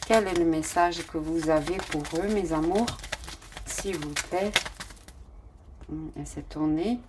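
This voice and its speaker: A woman's voice: sits low, a little slow, noisy background. A woman giving a casual tarot reading, affectionate and full of fillers as she talks to her listeners. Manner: affectionate, calls listeners "my loves", many fillers. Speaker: tarot reader.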